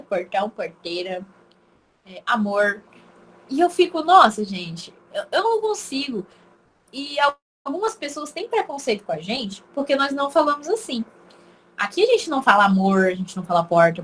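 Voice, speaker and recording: A woman's voice: high voice, a bit bright, poor audio. A Brazilian woman with an Acre accent teaching an informal online language lesson, chatty and emphatic, repeating words aloud to show how they are said. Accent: Brazilian Portuguese, Acre.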